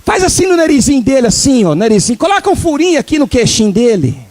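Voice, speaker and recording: A man's voice: extremely high pitch, big pitch swings, fast, a little mellow, dry recording, exaggerated voice. A man voicing a fussy, meddling woman who coos her opinions. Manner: fussy, meddling, cooing diminutives.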